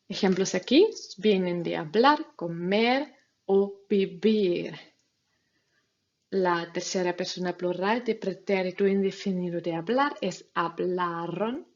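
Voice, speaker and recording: A woman's voice: lowish voice, muffled recording. A woman teacher giving a recorded grammar lesson, patiently walking students through the rules step by step. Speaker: Spanish teacher.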